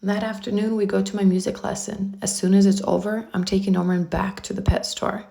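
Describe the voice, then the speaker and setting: A woman's voice: medium pitch, flat delivery, brisk, gravelly, warm tone. A woman reading a children's story aloud expressively, drawing out key words for emphasis. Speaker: children's book reader.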